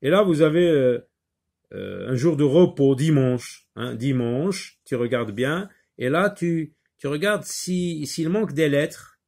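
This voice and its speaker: Slow, patient male teacher. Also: on the high side, lively intonation, vocal fry, darkish tone. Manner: slow, patient, talks the class through each step. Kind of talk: handwriting and reading lesson.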